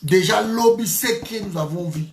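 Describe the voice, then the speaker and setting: A man's voice: high voice, normal speed, creaky, reverberant. A man from DR Congo, giving a heated political monologue as a commentator, emphatic and repeating his phrases with frequent restarts.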